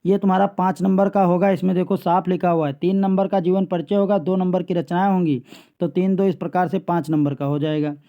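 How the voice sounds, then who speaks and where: A man's voice: high voice, steady tone, fairly quick. A male teacher going through an exam paper for students step by step, often checking in with the class and repeating phrases. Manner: explains step by step, often repeats "theek hai bachchon". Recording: dull lo-fi recording.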